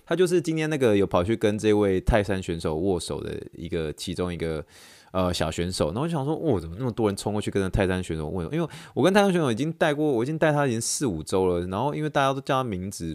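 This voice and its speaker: Fast-talking man, lowish voice. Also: no echo, clean studio sound. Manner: chatty, laughing, self-correcting. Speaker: podcast host, physical therapy intern. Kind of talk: casual storytelling monologue.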